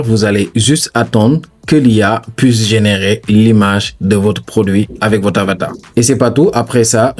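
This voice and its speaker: Mellow, low-voiced man guiding a tutorial. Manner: chatty, repeats "bien sûr", addresses viewers as "les gars". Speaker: tutorial host. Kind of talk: screen-recorded software tutorial.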